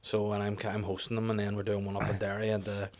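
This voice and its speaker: A Northern Irish man with a lowish voice rattles through stories at high speed. He has the casual, sweary delivery of a stand-up comic chatting on a podcast, animated and happy to mock himself. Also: quick pace. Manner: animated storytelling, sweary, self-deprecating. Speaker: stand-up comedian.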